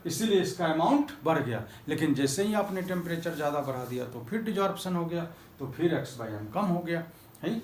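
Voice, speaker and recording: A male chemistry teacher with a Hindi accent lectures in a fairly high voice. He mixes English terms into his explanations, addresses students fondly and answers his own questions. The classroom sounds echoey, with faint noise behind him.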